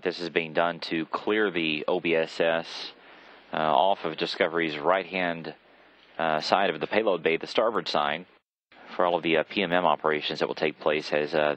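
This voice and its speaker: A man giving live explanatory mission commentary in a measured, hesitant way with pauses. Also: deep voice, fairly bright tone, dry recording. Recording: slightly dull lo-fi broadcast audio.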